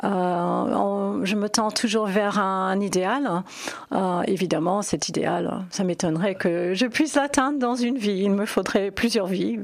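A woman's voice: mid-range voice, steady tone, unhurried, creaky, no echo, studio quality. A middle-aged woman from New York with an American accent, speaking French in a radio interview, hesitant with many fillers and restarts. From New York, United States. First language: English. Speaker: painter.

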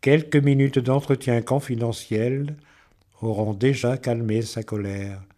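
A man voicing a sly, charming male fox who talks slowly and sweetly in a storybook reading. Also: medium pitch, fairly even intonation, mellow, lightly acted. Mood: reassuring. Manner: slow, honeyed and falsely friendly.

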